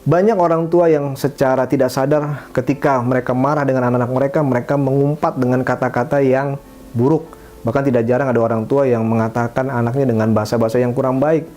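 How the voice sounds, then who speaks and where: A man's voice: mid-range voice, steady tone, fast talker, a little mellow. A middle-aged man, a hypnotherapist, giving a parenting advice lesson with frequent fillers and restarts. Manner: fillers and restarts, acts out example phrases. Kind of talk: talking-head advice lesson.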